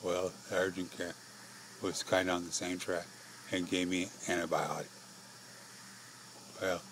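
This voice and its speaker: A frail middle-aged American man tells his own story, clearly short of breath. His low voice stays very flat and comes in halting, short phrases. There is steady noise in the background. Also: poor audio. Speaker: patient telling own life story. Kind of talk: personal testimony to camera.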